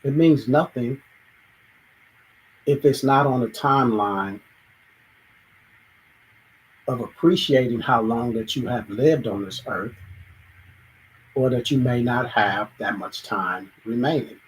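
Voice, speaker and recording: Thoughtful and alone at the mic, this host muses aloud and plays out little everyday conversations, occasionally starting over. He talks slowly with frequent pauses in a medium pitch, and the poor audio carries slight background noise.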